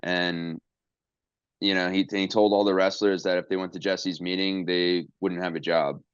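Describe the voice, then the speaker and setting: A man's voice: sits low, flat delivery, normal speed, clear, resonant tone, no room sound, dull audio. A man hosting a podcast in casual chat, rambling and swearing, with lots of fillers and restarts. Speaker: podcast host.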